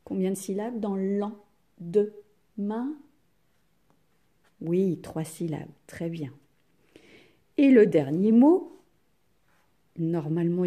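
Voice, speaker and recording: A woman leads a spelling lesson for young children, breaking each word into syllables. She speaks very slowly and patiently, in a soft, dark, mellow tone. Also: fairly low pitch. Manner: patient, slow and deliberate, sounds out syllables. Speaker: primary school teacher.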